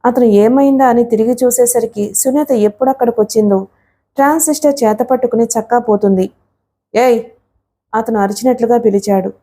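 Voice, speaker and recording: Female audiobook narrator, slightly high, soft mellow tone, steady storytelling read. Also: brisk. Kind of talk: scripted narration of a novel.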